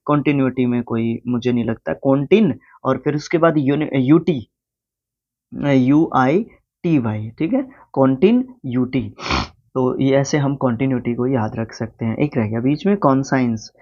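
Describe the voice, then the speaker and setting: A man's voice: medium pitch, normal speed. A man with an Indian accent teaching English spelling in a casual Hindi lesson, spelling words out letter by letter and asking the viewer questions. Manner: asks the viewer questions, then answers them. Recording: slightly dull, lo-fi recording.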